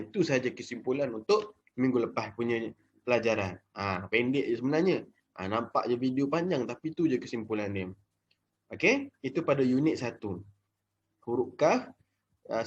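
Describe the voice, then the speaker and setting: A young man with a Malaysian Malay accent teaching a casual Jawi lesson to children, chatty and full of fillers, sounding out syllables slowly. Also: medium pitch, husky, highs cut off.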